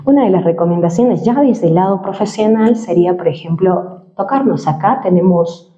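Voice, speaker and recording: In an interview, a woman working in voice-over and dubbing explains voice exercises and offers voice-training advice, often closing her points with a questioning tag. Her voice is on the low side with a dark tone at a normal speed. The recording sounds roomy and slightly dull.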